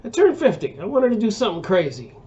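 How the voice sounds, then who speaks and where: Fast, high-pitched and full of big pitch swings, the man's voice has a dark tone, and the audio is dull. He's an American in his sixties who hosts a book review channel, rambling casually through a monologue thick with fillers and restarts.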